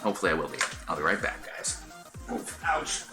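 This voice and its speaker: A man's voice: a bass voice, rapid-fire, music in the background. A middle-aged man chatting casually on a live stream, rambling with many fillers and restarts. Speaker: Twitch streamer.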